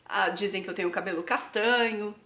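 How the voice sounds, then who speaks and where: In an echoey room, a young female travel vlogger from Brazil chats reflectively with her audience, addressing them as "gente." She has a Brazilian Portuguese accent and a medium-pitched voice with a sharp tone, and her delivery is brisk and casual.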